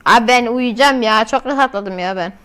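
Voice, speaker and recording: A woman's voice: fairly high pitch, normal speed, a bit bright, clean tone. A woman doing casual, slangy reaction commentary as a video host, often exclaiming.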